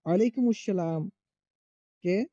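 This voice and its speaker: A cocky, curt young man, played by an actor in an audio story, dismissive and short with everyone. His voice is very dark and dry, and the recording is dull and lo-fi. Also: high-pitched, a little slow, no room sound.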